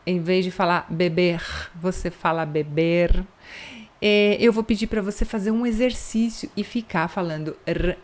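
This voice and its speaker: A Brazilian woman with a São Paulo accent teaching Spanish pronunciation in a chatty online lesson, drawing sounds out in an exaggerated way and checking in often. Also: on the low side. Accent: São Paulo Brazilian Portuguese. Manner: exaggerated, drawn-out demonstration of sounds; chatty, checks in with frequent asides.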